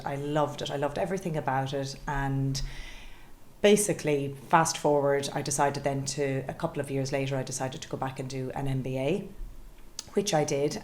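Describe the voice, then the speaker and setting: A Galway woman in her late forties, a chief executive, tells her career story as a conversational interview guest in a west of Ireland accent. Her voice rumbles low with a darkish tone, and there's slight background noise.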